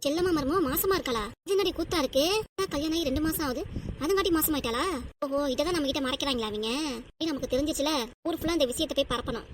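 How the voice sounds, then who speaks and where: Woman playing a middle-aged village busybody, scheming, exclamatory, Tirunelveli Tamil accent, fast delivery. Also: high-pitched, over music, lightly acted.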